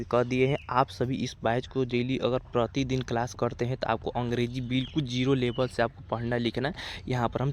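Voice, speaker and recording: A man's voice: mid-range voice, slight background noise. A young man teaching an English reading lesson, repeating himself often and spelling words out letter by letter before reading them. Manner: repetitive, keeps saying "dekhiye", spells words out letter by letter. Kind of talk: spoken lesson.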